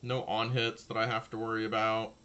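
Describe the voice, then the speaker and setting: A man casually commentating his own card game match, thinking aloud and talking to his opponent, his voice low and slightly gravelly. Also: monotone, brisk, pushed and bright, lo-fi sound.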